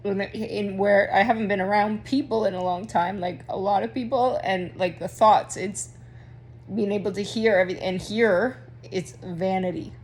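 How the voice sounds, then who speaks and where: A woman's voice: medium pitch, fairly even intonation, normal speed, darkish tone, a little hiss or hum. A woman talking candidly in a rambling, profane, stream-of-consciousness monologue, often restarting and trailing off. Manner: restless, frequent restarts and trailing off. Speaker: vlogger.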